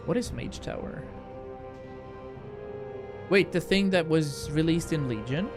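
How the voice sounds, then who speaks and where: Fairly high in pitch and expressive, this man keeps a measured pace. He hosts a video game livestream, chatting loosely with his viewers in slang as he plays, while game music runs in the background.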